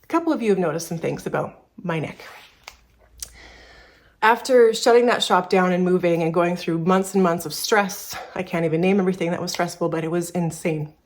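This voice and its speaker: A Canadian woman in her 30s who owns a furniture repair business talks to the camera in a personal vlog. Her voice is fairly low and brisk, and she sounds a little out of breath. She speaks candidly and rambles, restarting often and using lots of fillers.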